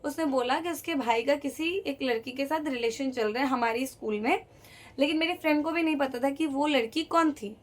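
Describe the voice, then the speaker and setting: A young woman telling a personal story in a casual vlog, lively and acting out each quoted voice. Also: sits high, normal speed. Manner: lively, acts out every quoted voice.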